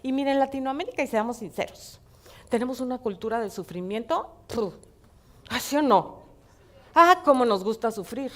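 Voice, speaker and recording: A middle-aged woman, preaching a sermon full of personal stories, swinging between hushed and loud. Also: fairly high pitch, lively intonation, moderate pace.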